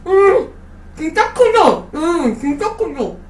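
A woman's voice: very high-pitched, sing-song, slow pace, reverberant, recorded from a distance, a little hiss or hum. Woman talking with her mouth full. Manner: chatty, addresses viewers directly. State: talking while chewing. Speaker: mukbang host. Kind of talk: casual eating vlog chat.

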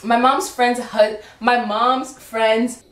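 Young woman, high voice, chatty, giggly, stumbles on words, roomy bedroom sound. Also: level tone, slow pace, fairly bright tone. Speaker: vlogger. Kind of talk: casual try-on haul chat.

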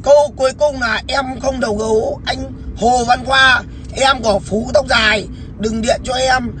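A man's voice: very high voice, steady tone, moderate pace, a bit bright. A man livestreaming a heated phone call, mocking and swearing at the caller in a sarcastic, taunting way.

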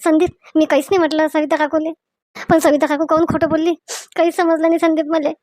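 The voice is a tearful, defensive young daughter-in-law, acted by a woman. She sits high in pitch and pleads, repeating her words of address. The recording is dry and close, with no room sound. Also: level tone, quick pace, darkish tone, dry recording, close to an everyday voice. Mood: pleading tearful. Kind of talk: comic skit acting.

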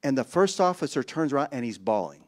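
A man preaching a sermon, telling a story with animated exclamations and chuckling asides. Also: mid-range voice, fast talker. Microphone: handheld mic.

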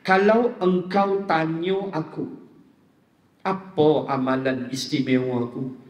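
A man's voice: fairly high pitch, slow pace, pitched below the performer's own voice. A man voicing a humble, modest pious male farmer, in a sermon story. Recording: reverberant hall.

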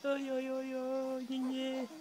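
A woman talking to a baby at home at night in cooing, sing-song baby talk. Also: sits high.

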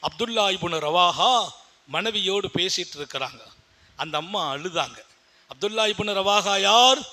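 High, bright-voiced man preaching. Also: lively intonation, moderate pace. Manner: swings between hushed low storytelling and loud high-pitched exhortation; uses repetition and rhetorical questions. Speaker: Islamic preacher. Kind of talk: sermon.

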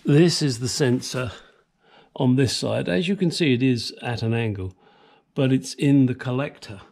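This home-garage mechanic has a mid-range, slightly mellow voice with vocal fry and a normal speed. Lying under the car, he casually explains what he's doing, swearing occasionally and joking crudely, recorded by a small action camera.

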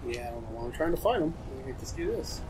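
A man's voice: medium pitch, big pitch swings, racing, background noise. A young man playing a video game and commenting casually, swearing at frustrating moments. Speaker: gamer playing. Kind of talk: casual let's-play commentary. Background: game music.

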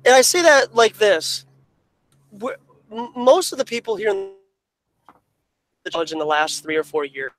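A man calling in to a casual group chat from a moving vehicle, halting and trailing off mid-sentence as his audio cuts out. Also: high voice, very animated, fairly bright tone, low-quality recording. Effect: voice cutting out over a bad call line. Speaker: podcast guest calling in.

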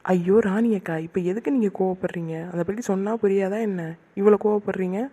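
A woman's voice: mid-range voice, fairly even intonation, fast talker, dark tone, natural voice. A woman voicing a playful, soothing young aunt in a cartoon.

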